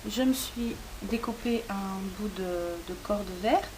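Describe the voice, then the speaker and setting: A woman hosting a crafting tutorial, explaining each step as she works, often pausing with hesitant fillers. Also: medium pitch. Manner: hesitant, frequent "euh" fillers while working. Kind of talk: step-by-step demonstration. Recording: steady tape-like hiss.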